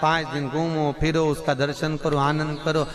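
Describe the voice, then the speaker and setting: Animated preacher man before a crowd. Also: on the high side, normal speed. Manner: animated, rhetorical questions to the crowd. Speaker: Shiv Puran preacher. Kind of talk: devotional sermon storytelling. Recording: crowd audible behind voice. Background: crowd laughing and responding.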